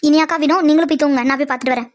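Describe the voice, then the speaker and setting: Woman, very high voice, very fast, curious cartoon voices, dry close sound. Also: steady tone, a little mellow, no echo. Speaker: voice artist doing female cartoon characters. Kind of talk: Tamil cartoon voice acting.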